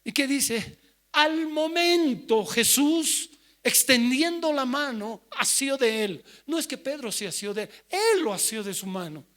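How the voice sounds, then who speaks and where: A man preaching a sermon as pastor, moving from quiet asides to loud cries as he acts out the people he quotes. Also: extremely high pitch, lively intonation, a little slow. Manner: swings from soft asides to loud shouted quotes.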